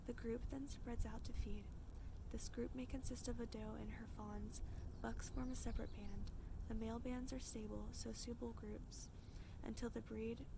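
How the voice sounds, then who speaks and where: Woman, hushed wildlife-watching whisper, ASMR fact reading, creaky edge, noticeable outdoor background noise. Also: a little high, steady tone, normal speed. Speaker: ASMR host. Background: outdoor ambience.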